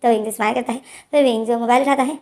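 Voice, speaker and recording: A young woman with a sore throat reads out a fan fiction in a casual, chatty way and keeps talking to her audience. Her voice is mellow and sits a little high. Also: fairly even intonation, racing. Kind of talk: casual story reading.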